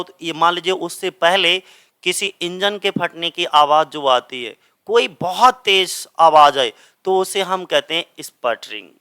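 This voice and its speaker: Bright clear-voiced male tutor. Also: fairly high pitch. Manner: explanatory, asks and answers own questions. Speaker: English literature coaching teacher. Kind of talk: classroom explanation of grammar.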